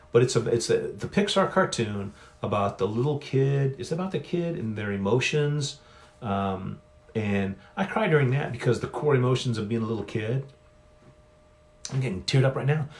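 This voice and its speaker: Middle-aged male author hosting a solo live Q&A on his phone. Low, gravelly voice, chatty and meandering. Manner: rambling, self-correcting, chatty. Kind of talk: casual solo livestream chat. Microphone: phone on a stand.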